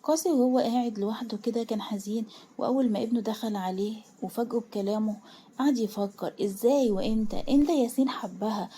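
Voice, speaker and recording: A woman's voice: fairly high pitch, quick pace, mellow, husky. A woman with an Egyptian accent, retelling a romance story in a chatty, casual way with asides to her listeners. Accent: Egyptian Arabic.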